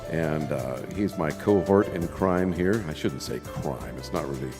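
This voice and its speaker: Very deep gravelly older man in cave reverb. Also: animated, measured pace, music in the background. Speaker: podcast host. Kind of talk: casual chat.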